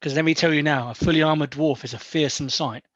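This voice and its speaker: A diplomatic elf, played by a man in a tabletop role-play. He is formal and politely persuasive, in a slightly high male voice. The sound is dry and a little lo-fi. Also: steady tone, fast talker, a bit bright, no room sound. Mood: courteous. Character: courteous, diplomatic male elf, smooth-talking negotiator. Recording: dull, lo-fi close audio.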